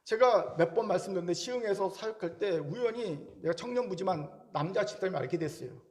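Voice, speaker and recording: High-voiced Korean pastor preaching. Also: male voice, animated, fast talker, a little mellow. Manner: conversational, rhetorical questions, joking asides. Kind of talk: sermon. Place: church sanctuary.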